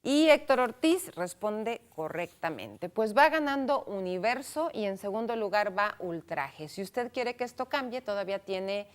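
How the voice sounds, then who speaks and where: A woman's voice: medium pitch, expressive, a little slow, few pauses. A woman hosting a cultural radio talk show, chatting with a co-host and reading out listener calls and votes on a studio microphone.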